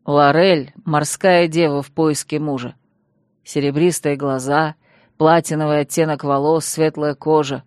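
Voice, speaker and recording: A woman voicing a sly, mocking young man with a hoarse voice in an audiobook. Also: low voice, fairly even intonation, darkish tone, dry recording, clean studio sound. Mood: wry, calm. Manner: mocking, unhurried.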